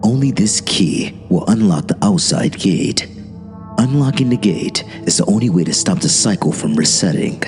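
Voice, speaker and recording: A man playing a smug, deep-voiced devil. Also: normal speed. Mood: smug lecturing. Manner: monotone, lecturing. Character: smug, deliberate male devil in a suit. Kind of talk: horror story narration. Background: music.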